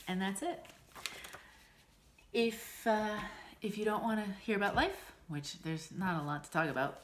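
Her voice is low, a bit bright and stuffy-nosed as this stitching vlogger in her 40s chats casually to camera. She rambles with frequent ums and laughs in a small room at home, filmed by a camera placed in front of her at desk distance.

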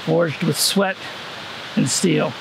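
A man talks casually to a camera in a snowy forest, pausing with plenty of fillers as he works. His voice is gravelly, and he sounds a little distant from the mic. A loud hiss of a nearby stream runs under everything. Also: a little high. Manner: relaxed, rambling with fillers. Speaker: hiking vlogger. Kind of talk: casual outdoor vlog narration. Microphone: camera on tripod at a distance.

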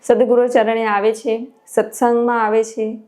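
Expressive woman telling a devotional parable. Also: a little high, measured pace. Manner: expressive, exclamatory. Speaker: spiritual teacher.

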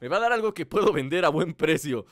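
A man's voice: a little high, lively intonation, fast, soft background music. A man giving playful, teasing gameplay commentary, swearing casually. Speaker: gaming channel host.

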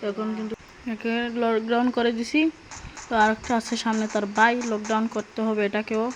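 A young woman with a Sylheti Bengali accent giving chatty, excitable commentary on a mobile game, talking straight to her viewers. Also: a little high, a little fast, noisy background. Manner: chatty, excitable, addresses viewers, frequent exclamations. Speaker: gaming YouTuber.

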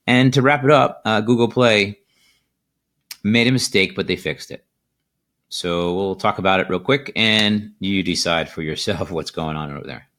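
Deep-voiced man, relaxed rambling commentary. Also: moderate pace. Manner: relaxed, rambling, filler-heavy. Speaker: crypto video host. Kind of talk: casual market commentary. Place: indoors at a desk.

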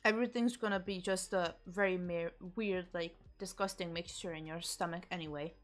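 A woman's voice: on the low side, steady tone, normal speed. A young woman streamer chatting casually with her viewers while eating, reading and answering chat with frequent giggles. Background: faint background music.

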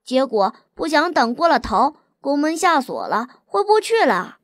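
A woman voicing an eager young male prince who hurries to calm his angry father, in an audiobook. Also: high-pitched, no echo, studio quality. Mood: placating. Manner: hurried, soothing.

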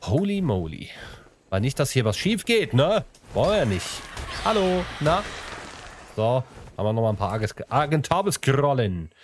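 A man's voice: mid-range voice, sing-song, normal speed, a little hiss or hum. A man narrating his own gameplay in a casual, chatty way, talking to the animals and to his viewers with playful sing-song bits. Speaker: let's play host.

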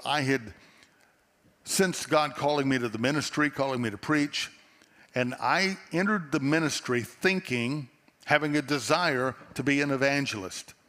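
On a large church stage facing a seated crowd, a middle-aged Texan pastor preaches in a conversational, earnest storytelling manner, often beginning his phrases again. He speaks into a headset mic with a medium-pitched, fairly bright voice, and long reverb fills the auditorium.

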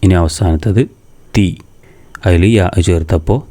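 A man from Kerala teaching a reading lesson step by step, patiently asking questions and answering them himself, saying each sound slowly and repeating it. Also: deep voice, dark tone. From Kerala, India. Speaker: madrasa teacher.

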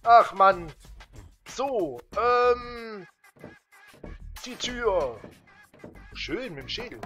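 Laid back let's play guy, slow talker, swings up and down a lot. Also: sits high, big pitch swings, pushed and bright, faint music behind. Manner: laid-back, amused, chatty with many fillers. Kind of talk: casual gaming commentary.

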